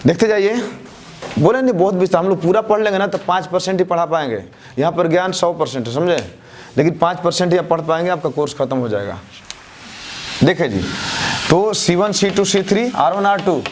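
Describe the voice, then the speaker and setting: A man teaching a math class, who keeps asking questions and answering them himself, his answers dropping low and soft. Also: lively intonation, a little fast, a little hiss or hum. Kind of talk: classroom lecture with call-and-response questions.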